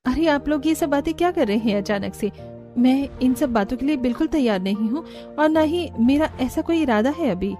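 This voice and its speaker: Sweet humble young bride, mellow voice, soft music under. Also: female voice, high-pitched, expressive, normal speed. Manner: polite and caring. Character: kind, modest young woman from a poor home. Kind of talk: cartoon voice acting.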